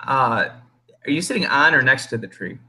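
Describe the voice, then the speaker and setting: A man narrating a tabletop game as game master, improvising in a halting way. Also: medium pitch, animated, sharp tone.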